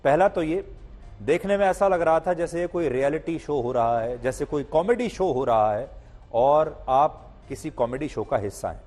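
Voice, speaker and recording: A man's voice: fairly high pitch, animated, normal speed, a little mellow, soft background music. A middle-aged man delivering scripted news commentary as a TV anchor, in a pointed, emphatic manner.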